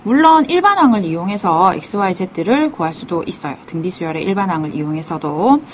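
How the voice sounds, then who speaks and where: A woman's voice: lowish voice, very animated, fast, a little hiss or hum. A woman math teacher giving a step-by-step lecture, calling herself "teacher" and asking and answering her own questions.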